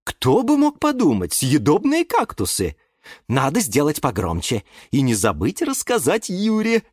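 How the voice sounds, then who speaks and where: A man's voice: fairly high pitch, wildly swooping pitch, a little slow, a little mellow, husky, dry recording, studio quality, voice pushed up, exaggerated voice. A man reading a children's audiobook voices a chatty mother who exclaims in naive amazement. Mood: amazed chatty. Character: chatty surprised mother, a woman.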